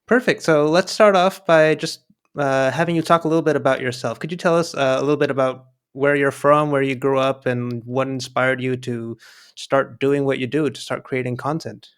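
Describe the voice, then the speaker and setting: A man's voice: mid-range voice, steady tone, normal speed, clean tone. A man hosting a podcast, reading an upbeat introduction, then asking questions with friendly stammers. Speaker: podcast host. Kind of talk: scripted intro, then interview chat.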